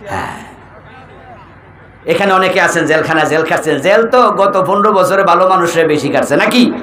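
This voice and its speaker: A man preaching a fiery sermon, firing rhetorical questions at the crowd and rising to shouts. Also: sits high, roomy sound.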